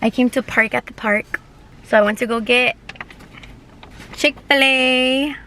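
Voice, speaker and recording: Young woman, 20s, bright voice, casual mukbang chat, rambling with fillers, swearing, talking while eating in a parked car. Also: a little high, steady tone, a little slow, a little hiss or hum. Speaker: vlogger.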